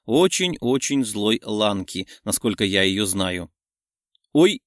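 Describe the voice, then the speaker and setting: A man narrating a romance audiobook in a steady, even reading voice. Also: medium pitch, normal speed, dry recording, studio quality. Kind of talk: scripted narration.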